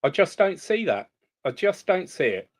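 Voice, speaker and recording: A man hosting a reaction video, speaking in a measured, hesitant way with frequent pauses and ums. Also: high voice, sing-song. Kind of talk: commentary on a played video.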